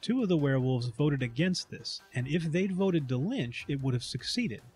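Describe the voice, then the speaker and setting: A man's voice: on the high side, animated, normal speed, darkish tone. Man narrating a game recap over music. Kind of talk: scripted narration.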